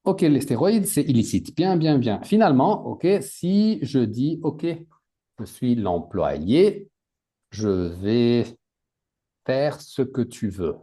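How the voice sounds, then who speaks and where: A man's voice: medium pitch, big pitch swings, slow pace, dark tone. A man teaching a language class, patiently repeating words and adding English glosses for his students. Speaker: French teacher.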